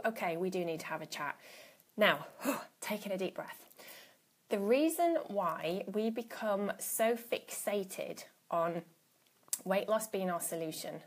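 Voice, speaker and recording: Speaking at medium pitch, a coach in her thirties chats with her live-stream audience from home, likely on a phone or laptop. As people join she welcomes them by name, her talk casual and full of restarted phrases.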